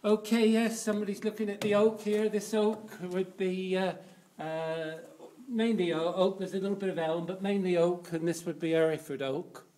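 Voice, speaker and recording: Male cathedral tour guide, slightly high voice, informal and unscripted, feeling his way through explanations. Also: fairly even intonation, moderate pace, mellow.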